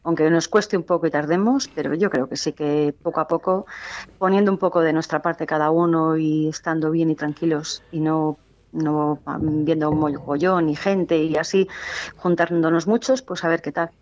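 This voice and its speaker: A woman's voice: low voice, fairly even intonation, normal speed, darkish tone. A woman guest heads a charity association and talks casually over a landline phone, chatty and easygoing with loose wording. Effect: heard over a landline phone. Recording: muffled landline phone line.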